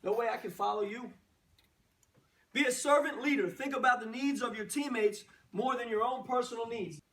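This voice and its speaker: High-pitched man giving a pregame pep speech. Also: normal speed, a bit bright. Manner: exhorting, punchy short phrases, rhetorical questions. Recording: roomy echo, distant microphone.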